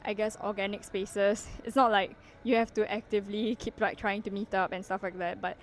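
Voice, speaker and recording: A young woman chats casually to her camera, leaning on "like" and "you know" as she thinks aloud. Her voice sits at a mid pitch, and she walks around as she talks. Faint traffic noise hums behind her. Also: flat delivery, a little fast, poor audio. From Singapore. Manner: chatty, heavy use of "like" and "you know" fillers; walking around while talking. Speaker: vlogger. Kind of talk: casual reflective vlog talk.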